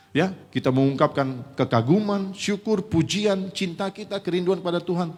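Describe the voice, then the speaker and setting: A man's voice: medium pitch, a little mellow. A man pastor preaching a conversational sermon, addressing the congregation directly and asking them rhetorical questions. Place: church sanctuary. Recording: long church hall reverb.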